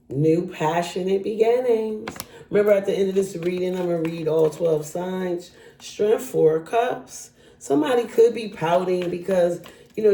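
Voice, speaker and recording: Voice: medium pitch, dark tone, slight background noise. A tarot reader casually talking through a card spread, speaking straight to the viewer in a chatty way. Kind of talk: casual tarot reading to camera. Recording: echoey room.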